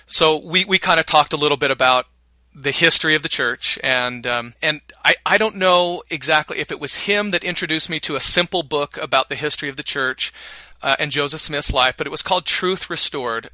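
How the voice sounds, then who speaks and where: A man's voice: fairly high pitch, sharp tone, no echo. A middle-aged man from Utah, telling his own story in an interview, hesitant with many fillers and restarts. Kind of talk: reflective personal interview.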